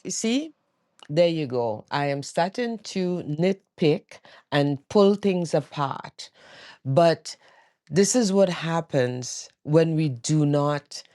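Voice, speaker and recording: A woman vlogger talking reflectively from her bed at home, worn out and tired in her voice, pausing often to search for words. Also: sits low, a little mellow, dry recording, clean studio sound. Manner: slow, searching, pauses often with um. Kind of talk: reflective personal talk.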